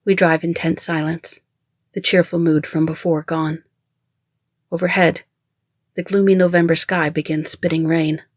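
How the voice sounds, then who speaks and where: An author reading their own mystery-thriller audiobook in first person, with a measured, even storytelling manner, recorded close to the mic. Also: mid-range voice, dry recording. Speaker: author and narrator.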